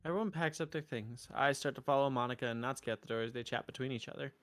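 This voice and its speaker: A man streams a voiced playthrough of a visual novel, serving as streamer, narrator and player character. His mid-range voice goes very fast, with music in the background.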